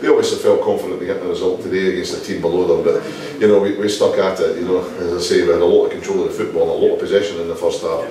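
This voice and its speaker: Scottish football manager, deep voice, echoey room, crowd noise behind. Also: male voice, fairly even intonation, dark tone, recorded from a distance. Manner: fast, frequent "you know" fillers. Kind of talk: post-match interview. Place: indoor press area in front of a sponsor board.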